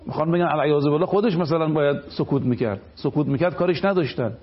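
A man's voice: fairly high pitch, slightly rough, highs cut off. A man speaking as a cleric on a television program, delivering an emphatic religious lecture. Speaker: cleric guest.

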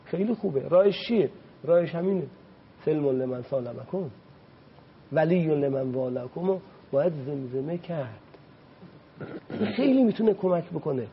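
A man speaking as a religious guest on a talk show, preaching with passion and slowly reciting Arabic quotations. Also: fairly high pitch, expressive, dull audio, slight background noise. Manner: impassioned, rises sharply on points.

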